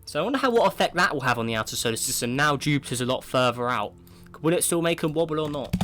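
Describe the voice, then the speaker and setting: Talking fast and animatedly in a voice on the high side, a gaming video creator commentates a space sim while nursing a cold and sore throat. He muses aloud in a casual way, often leading with "right, so," and there's background noise.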